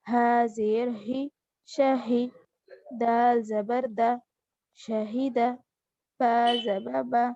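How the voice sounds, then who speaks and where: A woman teaching Quran reading, spelling out syllables one by one and adding quick explanations. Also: fairly high pitch, warm tone, no echo, lo-fi sound. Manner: spells each syllable slowly, then explains in quick asides. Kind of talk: slow drilled lesson recital.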